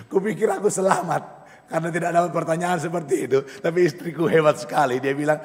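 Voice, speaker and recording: Animated Indonesian pastor in a reverberant hall. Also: male voice, fairly high pitch, fast talker, slight background noise. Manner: animated storytelling with sudden loud outbursts and laughter. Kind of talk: sermon. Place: church hall.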